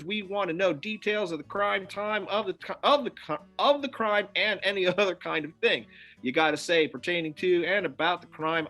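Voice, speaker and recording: A brisk male army sergeant reels off a form's demands in a rapid, rattling delivery, as a man puts him on. The voice sits higher than usual, with faint guitar music behind it. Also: sharp tone. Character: fast-talking male army sergeant reading a form.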